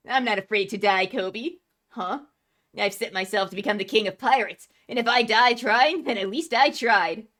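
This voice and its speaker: A woman's voice: medium pitch, moderate pace, a bit bright, natural voice. A woman voicing a fearless, carefree young pirate boy in a cartoon, blunt and cheerful.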